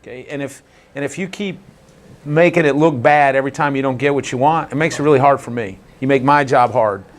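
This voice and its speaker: A man's voice: medium pitch, fairly quick. A man teaching an umpire clinic in a meeting room, questioning the group and acting out how to talk to players. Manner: Socratic, keeps asking the group questions; animated, acts out exchanges with players. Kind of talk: interactive teaching session.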